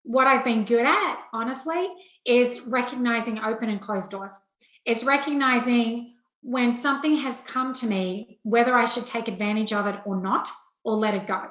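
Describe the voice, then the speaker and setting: This interview guest is a middle-aged woman from rural Australia who works as an investment banking executive, and she speaks openly and plainly with an Australian accent. Her voice is a little high and a bit bright, at a normal speed. The sound is echoey, as if recorded in a large room.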